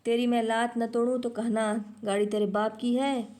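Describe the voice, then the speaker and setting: A woman voicing a thin, excitable male clerk who shouts insults in a storybook reading. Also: mid-range voice, measured pace, close to an everyday voice. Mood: furious.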